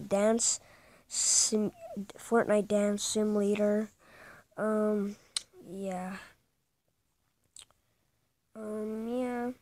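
A woman hosting a casual gaming video, rambling with lots of hesitant ums as she talks through the game. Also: mid-range voice. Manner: hushed at times so as not to wake someone. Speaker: gaming channel host.

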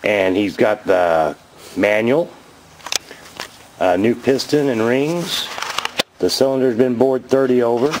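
Standing outdoors near his garage with a handheld camera, a man in his fifties vlogs a chatty, meandering show-and-tell, getting worked up over the things he's found. He speaks in a mid-range voice, slowly and with frequent pauses, over a noisy background.

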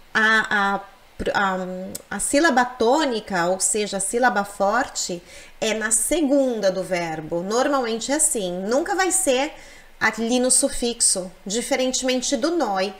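A woman teaching Italian in a lesson, explaining slowly and repeating words to model their pronunciation. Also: fairly high pitch. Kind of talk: language lesson.

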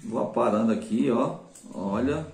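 A man's voice: mid-range voice, unhurried, darkish tone. A man with a Brazilian Portuguese accent teaching a craft step by step in a chatty way, often speaking to viewers and praising his work. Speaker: craft instructor. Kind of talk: casual step-by-step craft tutorial. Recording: roomy sound from a mic at a distance.

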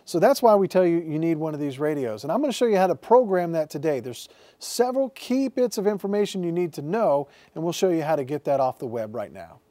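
Speaking fast and expressively with hardly a pause, a meteorologist with a slightly high, dark-toned voice demonstrates setting up a radio. The clip, recorded with no room sound, is a friendly, step-by-step instructional broadcast from a TV weather studio.

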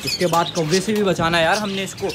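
A chatty man with a fairly high voice talks casually through a pet vlog, getting animated as he exclaims at his birds. He is recorded on a phone in an outdoor yard. Birds chirp and squawk loudly behind him. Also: quick pace, very noisy. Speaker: pet vlogger. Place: outdoor backyard with bird pens.

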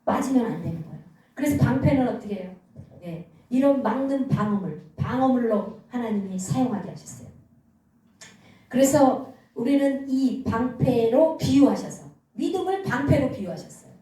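A woman's voice: fairly high pitch, animated, normal speed, warm tone, heavy reverb, far from the mic, low-quality recording. A woman pastor preaching a sermon, calling out questions to the congregation and answering them herself. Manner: call-and-response preaching, answering her own questions.

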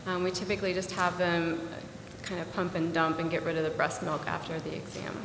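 Speaking briskly in a level, fairly low but somewhat bright voice, a woman in her thirties, a radiologist, explains things carefully on a conference panel with many ums. A table mic in a large ballroom captures her with long reverb and a little hiss or hum.

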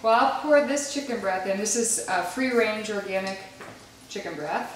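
In a big home kitchen, a woman in her thirties patiently demonstrates a casual recipe for her cooking video while coaxing her small children along. She speaks at a medium pitch and normal speed. A camera across the counter picks her up from a distance, with echo, slight hiss or hum, clattering pans, dishes, clicks, and kids nearby.

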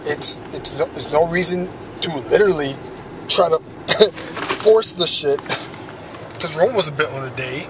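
A man in his twenties chatting casually for a vlog, rambling and weary, swearing freely. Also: fairly high pitch. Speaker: video creator, vlogger. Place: inside a car. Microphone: camera in the car, off from the mouth. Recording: noisy car interior, distant mic.

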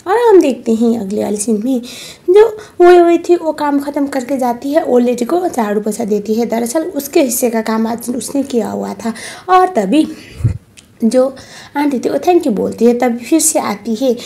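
A woman's voice: normal speed, vocal fry. A young woman casually retelling a TV drama's plot, slipping into the characters' lines as she goes. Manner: lively, acts out quoted lines with rising pitch. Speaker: drama recap narrator. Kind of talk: casual storytelling recap.

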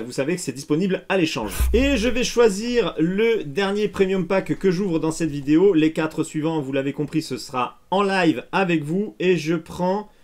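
Chatty excitable man opening card packs. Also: fairly high pitch. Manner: chatty, excitable, addresses viewers directly. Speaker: card unboxing youtuber. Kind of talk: casual unboxing commentary.

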